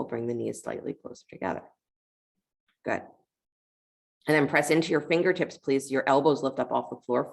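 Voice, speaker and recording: A woman with a creaky, rumbling low voice leads a guided yoga class. She gives step-by-step movement cues in an encouraging, conversational way.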